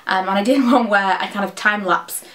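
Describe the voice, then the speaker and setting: A woman in her thirties speaks very quickly, as a beauty vlogger would to camera. Her voice sits at a medium pitch. She chats casually and rambles through product opinions with frequent asides. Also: a bit bright. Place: small dressing room at home, indoors.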